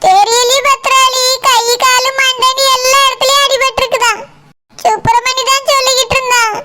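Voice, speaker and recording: A woman's voice: very high-pitched, flat delivery, normal speed. A woman voicing a grieving middle-aged village mother who laments tearfully, with a Kanyakumari Tamil accent. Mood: worried. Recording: loud background noise.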